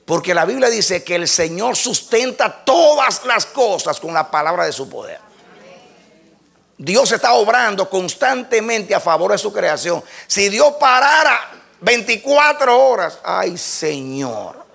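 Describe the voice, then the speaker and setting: A male preacher delivers an animated sermon, swinging between loud exclamations and hushed asides and acting out his talks with God. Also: sits high, measured pace, creaky. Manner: acts out conversations with God.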